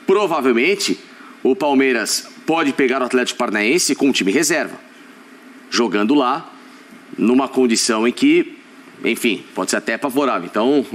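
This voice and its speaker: A man's voice: medium pitch, expressive, normal speed, fairly bright tone. A man with a Brazilian accent on a studio sports panel, explaining fixture details step by step. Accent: Brazilian Portuguese. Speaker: sports TV commentator.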